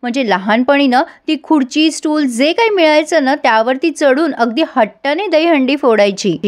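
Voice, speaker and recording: A woman voicing a middle-aged mother-in-law from a TV serial, affectionate toward her daughter-in-law but firm when crossed. The voice sits high and is only lightly acted. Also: animated, normal speed. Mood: fond. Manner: affectionate, turns stern.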